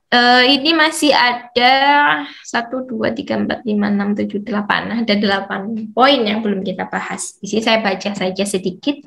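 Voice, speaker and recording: Brief: female educator, parent seminar, patient and explanatory, mid pitch. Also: moderate pace, vocal fry, a bit bright. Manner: explains patiently, many fillers, reads questions aloud. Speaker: educator for parents of children with hearing technology.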